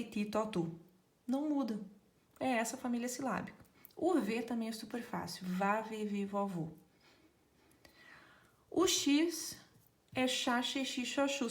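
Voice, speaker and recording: Slow, gravelly-voiced woman teacher. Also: on the high side. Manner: slow, patient, sounds out syllables. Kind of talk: children's literacy lesson.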